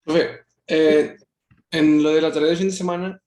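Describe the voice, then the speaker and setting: A man's voice: fairly high pitch, little pitch movement, moderate pace, darkish tone, reverberant. A male student on a video call, asking his teacher a hesitant question about homework.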